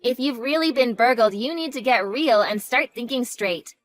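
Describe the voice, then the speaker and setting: Brief: a woman voicing a defensive, scoffing younger sister in a drama story, fairly high voice over faint music. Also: moderate pace, natural voice. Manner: snarky, dismissive. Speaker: sister of the main character. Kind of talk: voice acting in a narrated drama story.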